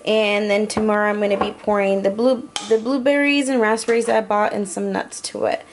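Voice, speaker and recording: This woman speaks briskly in a steady, medium-pitched voice, with a little hiss or hum in the recording. She is a vlogger casually narrating her meal prep in a home kitchen, chatty and somewhat hesitant, often correcting what she says.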